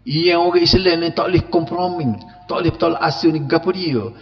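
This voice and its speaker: Lively Kelantanese Malay preacher in a reverberant hall. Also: male voice, fairly high pitch, fairly quick, faint music behind. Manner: lively, laughing, acts out quoted voices, questions the audience. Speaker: religious lecturer. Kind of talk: mosque evening lecture explaining Quran verses. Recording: muffled recording with long reverb.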